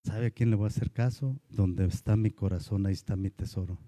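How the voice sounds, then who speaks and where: A man with a Mexican Spanish accent, a pastor preaching a lively sermon and acting out the voices of churchgoers. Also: on the low side, fairly quick, no echo.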